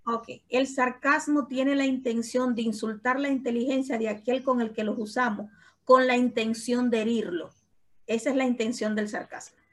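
A woman's voice: fairly high pitch, fairly even intonation, normal speed. A woman in the congregation reading a definition aloud for the pastor.

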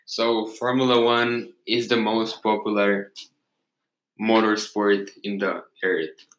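A young man as the expert guest in a casual interview, giving halting answers with pauses. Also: lowish voice, little pitch movement, a bit bright. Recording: echoey room.

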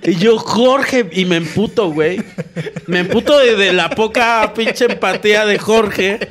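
A man with a Mexican Spanish accent telling a crude, animated anecdote on a casual comedy podcast, laughing and swearing as he goes. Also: high-pitched, measured pace. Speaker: podcast co-host.

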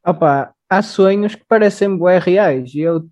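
A man's voice: high voice, a little slow, a little mellow. A young man with a European Portuguese accent, rambling loosely in casual slang. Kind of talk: casual chat.

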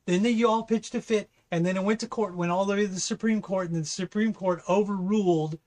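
Blunt fifty-year-old man, higher voice. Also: fairly even intonation, fast talker, darkish tone. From California. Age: 50s. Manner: blunt and repetitive, hammering his points. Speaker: podcast co-host. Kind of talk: casual opinion chat.

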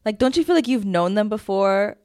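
A woman's voice: medium pitch, expressive, a little fast, a little mellow, no room sound, clean studio sound. A young woman co-hosting a casual podcast, rambling with lots of fillers and frequent giggles. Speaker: podcast co-host. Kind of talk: casual chat.

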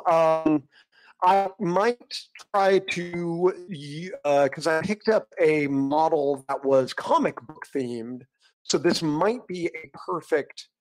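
A man's voice: a little high, poor audio. A man co-hosting a casual livestream, rambling with restarts and laughing often while demonstrating AI image prompts.

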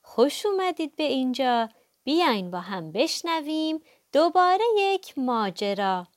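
A woman reading a children's audiobook aloud, playful and animated, adding sound effects. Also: high voice, no room sound, studio quality. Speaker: storyteller.

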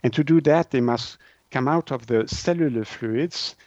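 Speaking English that isn't his first language, this interview guest from Switzerland, a naturopath and author with a French-Swiss accent whose native tongue is French, pauses to hunt for words while explaining. His voice is mid-range and darkish, recorded without echo in dull, lo-fi sound.

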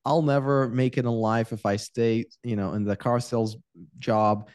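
Here the same kind of speaker, a twenty-something real estate investor who grew up in Iraq, talks at a moderate pace in a mid-range, slightly mellow, clean voice with fairly even intonation. Recorded dry in a clean studio, he candidly shares his life story as a podcast guest, frequently repeating words as he gathers his thoughts.

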